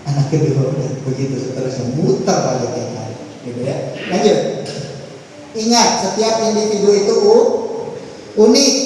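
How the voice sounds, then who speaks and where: A man's voice: high-pitched, darkish tone. A male religious teacher giving a playful parenting talk, quizzing the audience and acting out parent-child dialogue. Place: large echoey school hall. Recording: echoey hall from far off, faint background noise.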